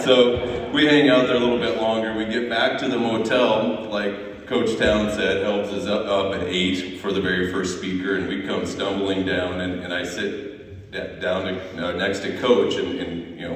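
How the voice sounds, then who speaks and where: A man's voice: low-pitched, a little hiss or hum. A man from Montana giving a memorial tribute as a former assistant coach, telling anecdotes with chuckles and frequent restarts. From Montana, USA. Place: large echoey hall at a memorial service. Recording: echoey hall, voice from far off.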